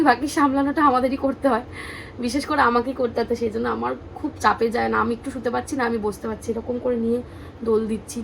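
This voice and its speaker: A tired mother speaks in a high voice with a gravelly, creaky edge. She coos to her baby and then chats casually to the camera, with faint noise behind her. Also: low-quality recording. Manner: cooing baby talk to her infant between talk to the camera. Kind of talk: casual vlog chat.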